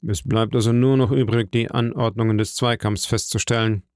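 A man's voice: medium pitch, fairly even intonation, normal speed, darkish tone, clean tone, no room sound, studio quality, lightly acted. A man voicing a formal male journalist who asks politely but insistently for an explanation.

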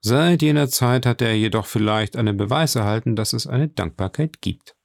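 A mysterious count speaks calmly and gravely in a low voice, as a male narrator reads him. The voice is gravelly and recorded dry and close, and each line comes slow and measured. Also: no room sound. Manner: measured and solemn.

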